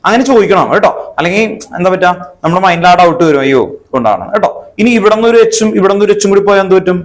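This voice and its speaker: A man's voice: high-pitched, expressive. Chemistry tutor quizzing his class. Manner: asks the class questions and answers them himself; spells words out slowly. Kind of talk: online exam-prep lesson.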